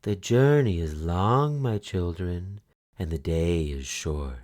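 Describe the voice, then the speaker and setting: A man voicing a cunning old male wolf posing as a grandmother, crooning low and slow in a storybook reading. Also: darkish tone. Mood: sly coaxing.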